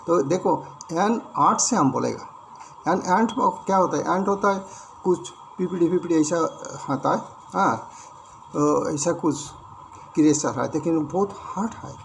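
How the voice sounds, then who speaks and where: Man, Indian accent, grammar teacher, high voice, slow repetitive explaining, faint background noise. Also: gravelly. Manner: explains slowly, repeating words, mixing English terms into Hindi. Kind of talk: classroom grammar lesson.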